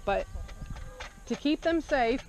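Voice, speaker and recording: A woman's voice: high voice, slow pace, soft background music. A mother and homesteader telling a long story to camera outdoors, rambling and correcting herself as she goes. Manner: rambling, animated, self-correcting. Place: outdoors on a rural farm. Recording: noisy outdoor farm recording.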